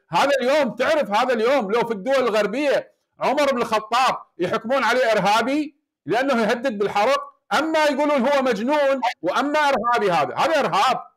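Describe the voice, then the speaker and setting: A man's voice: very high voice, a bit bright. An Iraqi man hosting a heated call-in debate, pressing his guest with repeated rhetorical questions. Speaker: debate show host.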